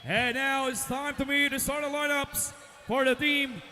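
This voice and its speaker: High-pitched shouting male arena hype announcer. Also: fairly even intonation. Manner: shouted, drawn-out names. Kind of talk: hype starting-lineup announcing, like a fighting game announcer. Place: large indoor sports arena. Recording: echoey arena PA with music.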